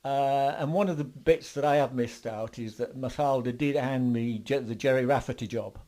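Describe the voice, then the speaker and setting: An older man, a bass player being interviewed, telling long rambling stories with lots of fillers and restarts. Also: moderate pace, dark tone. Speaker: guest musician, bassist. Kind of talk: interview storytelling.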